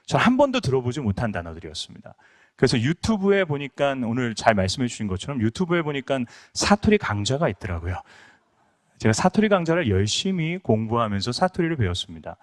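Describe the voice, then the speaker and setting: Talking fast with big swings in pitch, a middle-aged male pastor from Incheon, South Korea, lectures at a conference hall. His storytelling is earnest and heavily sprinkled with fillers.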